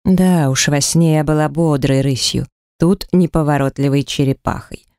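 An audiobook narrator giving a measured, steady first-person studio reading. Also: mid-range voice, clean tone, dry recording.

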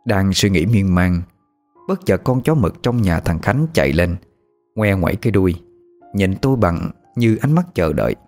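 A man narrating a first-person ghost story in an expressive, measured way. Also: low-pitched, soft background music.

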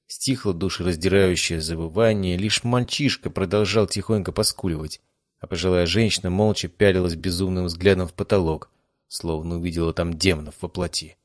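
Мужчина читает аудиокнигу низким голосом. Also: male voice, sits low, dry recording, clean studio sound. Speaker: narrator. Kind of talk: audiobook narration.

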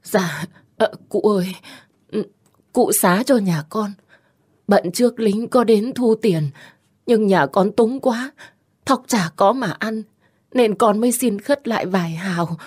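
A woman's voice: medium pitch, slow pace, pauses often, darkish tone, slightly rough. A woman voicing a frightened, poor old peasant woman who stammers and pleads tearfully. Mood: tearful pleading.

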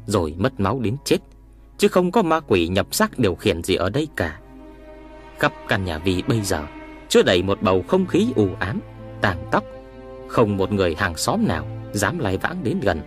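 Male horror story narrator, low voice, lively swings in pitch, dramatic scripted reading.

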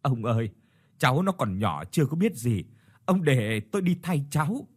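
A beaten, skinny old peasant man over sixty pleads humbly for more time in an audio ghost story, voiced by a male narrator. His voice is husky and meek, rising and falling as he begs. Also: medium pitch, sing-song, normal speed. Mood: pleading.

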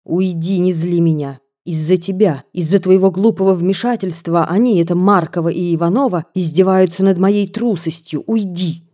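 A woman reads the part of a proud young schoolgirl princess in a storybook. She talks coldly and sharply. The voice stays low and mellow. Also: moderate pace, hardly any pauses, close to an everyday voice. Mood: cold, angry. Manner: cold and sharp.

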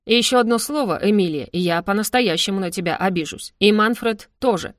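A woman's voice: medium pitch, brisk, dry recording, studio quality, lightly acted. A woman voicing an imperious elderly grandmother who speaks firmly and commandingly.

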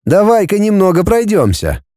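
A man's voice: sits high, wildly swooping pitch, moderate pace, dark tone, no echo, clean studio sound, voice pushed up. A man voicing a good-natured young man turned cruel blackmailer, purring one moment and cold the next. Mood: cheerful, sly. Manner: cheerfully menacing, purring then cold. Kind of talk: audiobook character voice.

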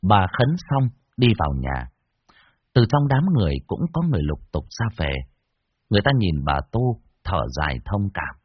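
A man narrating a horror story in a dramatic, expressive way. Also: deep voice, moderate pace, husky, dry recording, lo-fi sound.

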